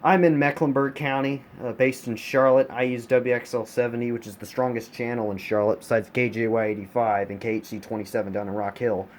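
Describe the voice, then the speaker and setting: An American collector reviews his weather radios casually and emphatically, repeating words for stress. His mid-pitched voice is fairly even in intonation, a little fast, with few pauses. He stays off screen, filmed on a handheld phone camera in a carpeted room at home, and the recording is noisy.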